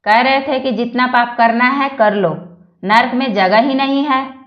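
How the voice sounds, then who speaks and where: A woman's voice: on the high side, steady tone, highs cut off, faint music behind. A woman reading out short jokes one after another, laughing at her own punchlines. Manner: unhurried delivery, breaks into laughter after punchlines. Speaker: joke teller. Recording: echoey room.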